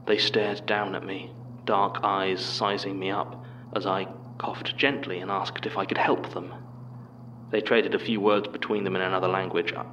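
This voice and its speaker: Low hushed man narrating horror. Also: slight background noise, low-quality recording. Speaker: narrator reading a statement.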